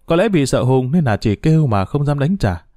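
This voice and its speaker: A male narrator, telling a story in a lively, expressive voice. His pitch moves widely, and the sound is dry and close to the mic. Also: fairly quick, dry recording.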